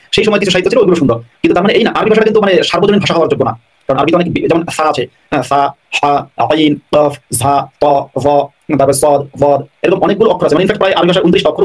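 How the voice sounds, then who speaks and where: A man's voice: on the high side, slightly rough. A man answering viewers' questions on a live online talk show, explaining at length and repeating his points. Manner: explanatory, talks fast, repeats phrases. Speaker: guest scholar answering questions.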